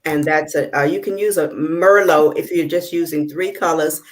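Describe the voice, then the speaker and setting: Hosting a casual live makeup demo over video call, a woman talks in a low pitch with fairly even intonation. Her speech halts and fills with fillers as she works, and she keeps checking that viewers can see.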